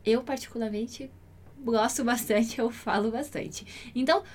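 A woman teaching an online language lesson, modeling pronunciation by repeating words slowly and clearly. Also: a little high. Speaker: Italian teacher.

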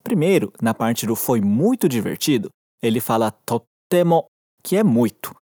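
A woman with a Brazilian Portuguese accent teaching Japanese in a recorded lesson, patient and encouraging, slowing down to model each phrase. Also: very deep voice, very animated, warm tone, husky, no echo, clean studio sound.

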